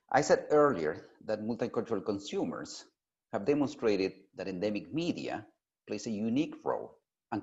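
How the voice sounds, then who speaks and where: Animated man giving a keynote. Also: low-pitched. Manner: emphatic, deliberate, with pauses for emphasis. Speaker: keynote speaker at an industry summit. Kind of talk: prepared keynote address. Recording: dull, lo-fi sound.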